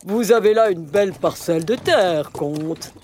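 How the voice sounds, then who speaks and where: A man playing a grand old king in an audio storybook, calling out slowly and stately. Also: a little mellow, slight background noise. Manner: slow, stately, booming calls. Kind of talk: storybook character acting.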